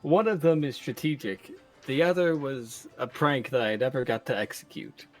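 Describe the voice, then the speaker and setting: A man's voice: mid-range voice, animated, moderate pace. A man playing a tabletop role-playing game, speaking casually and in character with a dry, understated delivery. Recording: faint music behind the voice.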